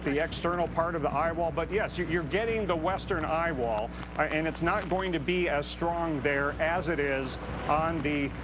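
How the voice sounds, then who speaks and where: A male meteorologist with a slightly high voice delivers a live technical briefing. He explains things in careful, precise detail. A clear humming rumble runs under his voice. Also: normal speed. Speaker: hurricane expert meteorologist. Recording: clear hum and rumble of noise.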